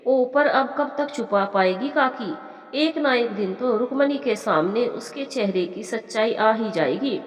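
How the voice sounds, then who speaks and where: A woman's voice: a little high, lively intonation, a little slow. A woman voicing a caring young village man. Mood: anxious. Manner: reassuring, anxious questions. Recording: echoey room with long reverb.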